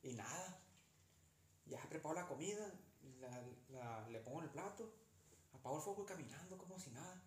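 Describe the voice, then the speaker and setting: A young man with a Mexican accent, telling stories in a slangy, animated way on a casual podcast. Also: on the high side, normal speed. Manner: slangy, animated, acts out quoted voices. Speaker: podcast co-host. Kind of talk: casual storytelling chat. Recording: roomy, faint background noise.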